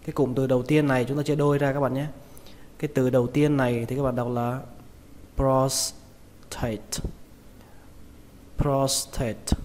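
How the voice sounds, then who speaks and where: A man with a Vietnamese accent teaching English pronunciation, repeating each word slowly and stressing its syllables. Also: mid-range voice, a little mellow. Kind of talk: pronunciation lesson. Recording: reverberant room with faint noise.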